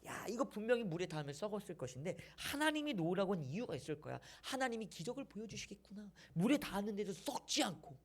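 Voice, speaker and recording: A man's voice: high voice, very animated, fast talker, hardly any pauses, heavily acted. A man preaching a sermon, voicing an eager, obedient prophet who answers his master. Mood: excited.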